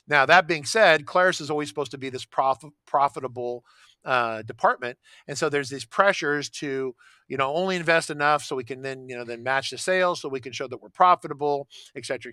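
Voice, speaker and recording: A man with a bright, forceful voice talking casually, looping back to restart his sentences and tagging points with "right?". The sound is dry and close. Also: medium pitch, no echo. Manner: rambling, frequent restarts and "right?" tags. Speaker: podcast guest. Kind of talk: casual conversation.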